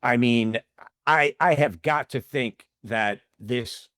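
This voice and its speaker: A man co-hosting a political podcast, talking bluntly in casual chat with many halting restarts. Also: mid-range voice, a bit bright, dry recording, studio quality. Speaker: podcast co-host.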